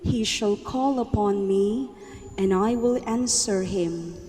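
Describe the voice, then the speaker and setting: Mellow woman reader, cathedral echo. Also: mid-range voice, slight background noise. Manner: slow, careful reading pace. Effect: long cathedral echo. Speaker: lector. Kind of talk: liturgical scripture reading. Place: large church. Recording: long church reverb with faint music.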